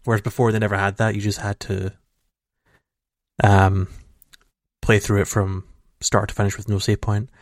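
At a moderate pace, a man with a lowish, fairly monotone voice co-hosts a casual gaming podcast, wandering through long runs with many restarts and fillers. He's captured raw over a call on a home computer mic, giving a dry recording.

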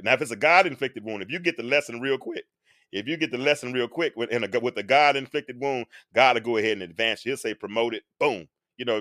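A man's voice: fairly low pitch, a bit bright, no echo, clean studio sound. A man in his forties hosting a live-stream talk, speaking earnestly like a preacher and now and then singing a phrase. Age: 40s. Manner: earnest, sermon-like, with sung phrases. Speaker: show host being interviewed.

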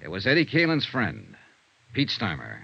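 A tough detective narrating, low voice that moves around a lot, music behind, muffled old radio. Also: male voice, huge pitch swings, normal speed, gravelly, heavy background noise, exaggerated voice. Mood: steady. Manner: terse, matter-of-fact storytelling. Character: hard-boiled male insurance investigator narrating. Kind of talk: 1950s radio drama acting.

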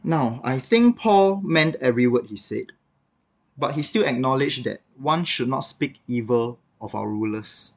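A man's voice: medium pitch, expressive, unhurried. Male devotional speaker, mid-range voice, reflective teaching tone, casual with light fillers. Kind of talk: scripted devotional talk.

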